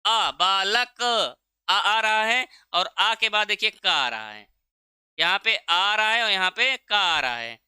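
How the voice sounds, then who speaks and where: A man teaching a video lesson for an exam, explaining step by step and asking the class questions that he answers himself, drawing out key sounds slowly to show how they are said. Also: high-pitched, expressive, sharp tone, smooth, dry recording, clean studio sound. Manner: drags out key sounds slowly when showing pronunciation. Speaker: Sanskrit teacher.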